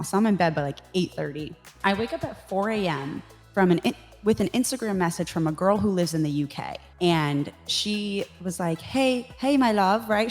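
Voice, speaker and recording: Candid, laughing woman in her thirties. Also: lowish voice. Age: 30s. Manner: candid, self-mocking, laughs often. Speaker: life coach guest. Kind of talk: casual podcast interview.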